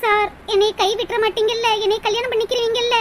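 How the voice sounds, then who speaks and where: A woman voices a young, lovesick village woman in a cartoon, pleading and sorrowful, with a southern Tamil Tirunelveli accent. Her voice is very high-pitched and level, and she talks quickly, with loud background noise in the recording.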